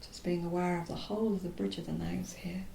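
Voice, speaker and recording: A yoga nidra teacher guides a body relaxation in a mellow, gravelly, creaky voice with a steady tone. She speaks softly and soothingly, pausing mid-phrase and letting her endings trail off breathily. The recording has a roomy echo and a faint low rumbling noise.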